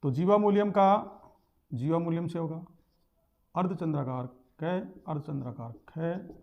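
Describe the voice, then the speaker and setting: A man's voice: fairly high pitch, measured pace, muffled recording. A man teaching a lesson, explaining step by step, repeating terms and sounding out letters.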